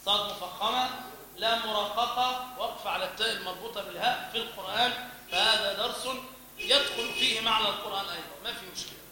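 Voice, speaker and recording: Fast-talking and high-voiced, a man demonstrates the sounds of the call to prayer by chanting and repeating syllables. He is a teacher of the call to prayer and Quran recitation, recorded in an echoey hall.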